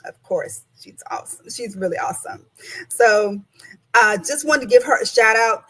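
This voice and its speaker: A woman hosting a casual livestream interview, chatting with lots of restarts and quick laughs, heard over a video call. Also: fairly high pitch, a bit bright, low-quality recording. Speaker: host.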